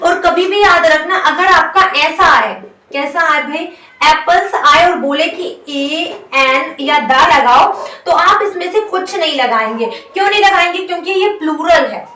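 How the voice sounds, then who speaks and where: High, bright woman teaching in an echoey room. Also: unhurried. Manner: explains patiently, asks and answers her own questions; says "theek hai" after each point. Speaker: English teacher. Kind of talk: whiteboard grammar lesson. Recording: roomy echo from a distant mic.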